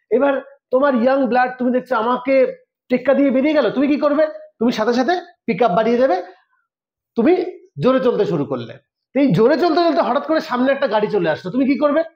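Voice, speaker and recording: A man teaching an online Sanskrit exam-prep class. He asks questions and answers them himself, and he explains with everyday analogies. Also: extremely high pitch. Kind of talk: online exam coaching lecture. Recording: echoey, slightly dull audio.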